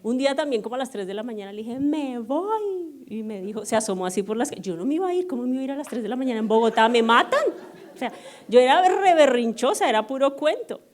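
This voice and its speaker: A middle-aged woman pastor, telling personal stories to her congregation in an animated, self-mocking way and checking in with the audience often. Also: on the high side, fast. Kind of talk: storytelling sermon to a congregation. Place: church service.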